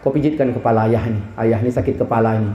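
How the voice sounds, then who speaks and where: A man's voice: steady tone, fast talker, lo-fi sound, soft background music, natural voice. A man preacher voicing a tired, sick father asking his son to massage his head and pray. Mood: weary. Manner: low, tired, commanding. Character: weary sick middle-aged father with a headache. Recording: very echoey hall PA sound.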